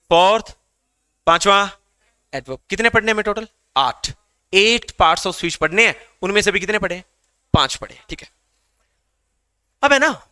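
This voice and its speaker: A man gives a grammar lecture in a high, bright voice. His tone is crisp and clear, and the recording is close and dry with almost no room sound. He drills the class by asking questions and answering them himself. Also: dry recording. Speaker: English grammar teacher.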